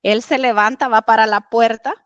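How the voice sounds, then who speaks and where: A woman guest telling a personal story in conversation, earnest and halting, with frequent fillers. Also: a little high, steady tone, fairly bright tone, clear, resonant tone, no room sound, lo-fi sound. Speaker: interview guest.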